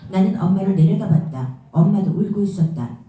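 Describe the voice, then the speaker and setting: A woman reading a novel aloud with a steady storytelling delivery. Her voice is dark and mellow, and the very roomy echo and distant mic make it sound like a large hall. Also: medium pitch, fairly quick, highs cut off. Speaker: book reader.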